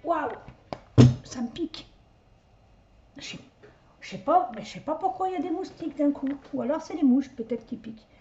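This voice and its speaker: Une femme d'âge mûr, médium, qui bavarde et digresse avec autodérision en tirant les cartes chez elle. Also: female voice, high voice, lively intonation, moderate pace, pauses often, noisy background. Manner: chatty, rambling, self-mocking asides. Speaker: psychic medium doing a card reading. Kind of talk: casual chatty live reading. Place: at home, indoors. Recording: dull lo-fi home recording.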